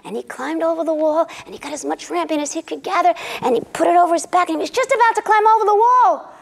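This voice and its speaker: Playful lady telling a fairy tale to a live crowd, high voice, a bit gravelly. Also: fast talker. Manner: animated and playful, quizzing the audience. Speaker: storyteller. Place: rehearsal and recording studio with a live audience.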